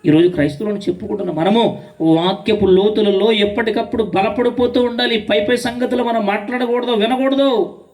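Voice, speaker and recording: A man's voice: high-pitched, steady tone, fairly quick, a little mellow, distant mic. A man preaching a sermon as pastor, emphatic, with rhetorical questions and repeated phrases.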